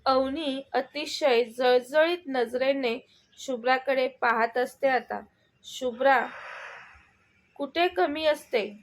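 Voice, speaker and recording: A woman narrating a story in a steady, measured way, with a high voice and an unhurried pace. Each line is read deliberately and clearly.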